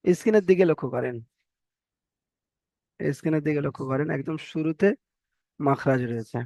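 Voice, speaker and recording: A man teaching a Quran recitation class online, who explains slowly and repeats each rule and letter sound for his students. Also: fairly high pitch, mellow, no room sound. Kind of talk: online tajweed lesson.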